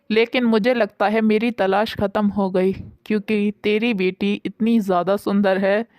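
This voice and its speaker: A woman's voice: medium pitch, darkish tone, clear, resonant tone, no echo, close to an everyday voice. A woman voicing a kind, frank middle-aged friend of the family in a storybook tale. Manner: frank, kindly.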